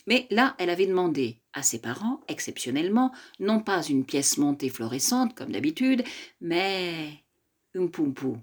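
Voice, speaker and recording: Husky low-voiced older woman storyteller. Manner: lively, addresses listeners directly, mixes in Occitan phrases. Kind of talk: oral storytelling.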